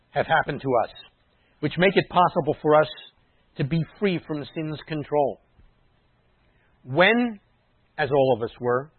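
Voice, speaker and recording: A man's voice: fairly high pitch, husky, dry recording. Man preaching a teaching sermon over a tinny line. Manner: teacherly, explains terms, drops to quiet asides. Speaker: messianic rabbi preaching. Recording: dry tinny phone-like sound.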